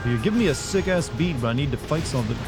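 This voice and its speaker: Loud music backs a man with a mid-range voice, lively intonation and fast delivery as he plays a game on a live stream. He rambles and cracks jokes in casual commentary, leaning heavily on fillers like "like."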